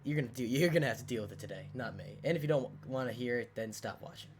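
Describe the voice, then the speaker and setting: A man whose voice is hoarse from a cold, rambling in a casual, self-deprecating way while commenting on a word game. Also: mid-range voice, racing, a little hiss or hum. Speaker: gaming channel host.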